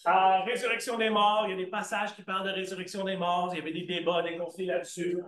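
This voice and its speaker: Speaking quickly in a high voice, this man teaches a Bible class to students in a church classroom with an echoey sound. He keeps it lively and conversational, posing questions to the class, answering them himself, and dropping English asides.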